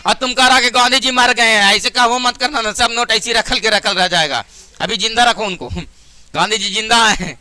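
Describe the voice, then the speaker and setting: A man's voice: sits high, normal speed, bright, forceful tone. A man with a Bihari accent teaching math to a class in a classroom, chatty and joking, sometimes scolding students. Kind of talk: classroom lesson.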